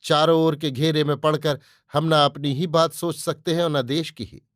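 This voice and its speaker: A man voicing a calm, reflective young man who reasons gently with his friend in a storybook reading. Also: a little high, normal speed, no room sound, clean studio sound, close to an everyday voice.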